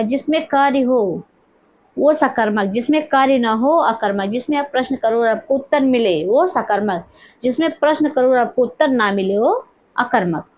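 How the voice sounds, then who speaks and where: A woman teaching a grammar lesson, repeating each point and asking questions as she dictates the examples slowly. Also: sits high, highs cut off.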